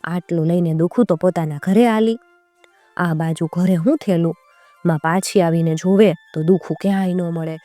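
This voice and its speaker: A woman's voice: on the low side, steady tone, moderate pace, warm tone, dry recording, faint music behind. Woman telling a folk tale. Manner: rhythmic, sing-song storytelling, raising her voice for characters. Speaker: storyteller. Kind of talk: folk tale narration with character voices.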